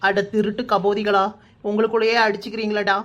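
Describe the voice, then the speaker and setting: A woman of medium pitch talks fast with little pitch movement, her voice near everyday and the highs cut off in the recording. Voicing a cartoon's brash young bride-to-be with a Kanyakumari Tamil accent, she scolds in a panic, wails for help and piles on insults.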